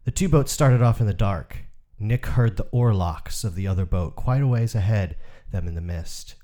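A man narrates a literary story in a measured, even way. His voice is very low and sits on the dark, mellow side. He reads without hurry.

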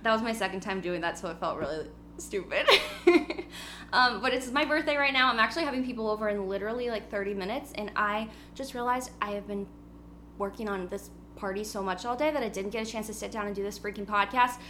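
A bubbly, giggly woman in her twenties rambles through a casual podcast chat from home before a party. Her voice is medium in pitch, a bit bright, and quick, and the recording is noisy with electrical hum.

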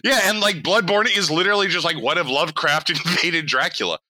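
Bright, animated young man chatting. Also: a little high, low-quality recording. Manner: animated, laughing, swearing, quick asides. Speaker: podcast co-host. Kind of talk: casual chat.

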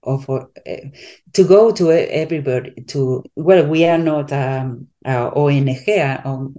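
Slow Spanish-accented woman searching for words. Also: rumbling low, warm tone. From Spain. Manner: halting, searches for English words, many restarts. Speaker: coach, guest. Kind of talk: casual interview talk.

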